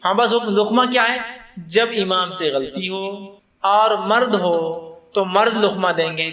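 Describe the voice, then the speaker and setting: A man teaching a conversational religious lecture, lively and acting out worshippers as he explains. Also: sits high. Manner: lively, acts out people in the mosque.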